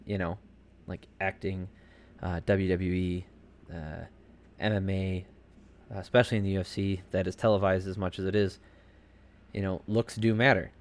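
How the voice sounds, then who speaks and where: Man, deep low voice, solo podcast host, casual rambling fight talk, lots of fillers. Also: level tone, normal speed. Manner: rambling and chatty, heavy on fillers and asides. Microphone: home desk setup.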